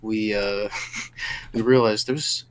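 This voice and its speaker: A man's voice: lowish voice, fairly even intonation, slow, clean tone, rough recording. A man interviewed as a guest animator on a livestream, hesitant and stammering but joking.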